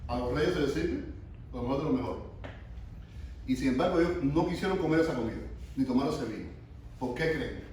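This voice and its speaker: A man's voice: medium pitch, lively intonation, brisk, pauses often, a little mellow, a little hiss or hum. Man preaching in an echoey room. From Cuba. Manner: asks the group questions, restarts often. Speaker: youth pastor. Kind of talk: teaching sermon to youth. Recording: echoey room, mic from far off.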